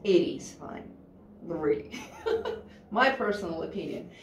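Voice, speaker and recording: A woman's voice: fairly low pitch, animated, measured pace, a little hiss or hum. A woman in her thirties teaching piano in a casual, chatty way, thinking aloud with fillers. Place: studio room with a grand piano. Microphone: distant camera mic. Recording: roomy, distant mic with piano.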